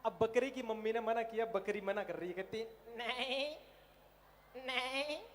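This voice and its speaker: A man from Himachal Pradesh doing animated stand-up comedy on an outdoor festival stage, telling stories. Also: high-pitched, a little fast, slight background noise. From Himachal Pradesh, India. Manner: animated storytelling, puts on animal and cartoon voices. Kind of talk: stand-up comedy at a college fair.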